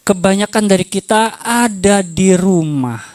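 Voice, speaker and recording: A man's voice: sits high, unhurried, a little mellow, no echo. A man preaching at a church conference, joking and acting out quoted spouses in a raised voice. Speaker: pastor. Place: church hall.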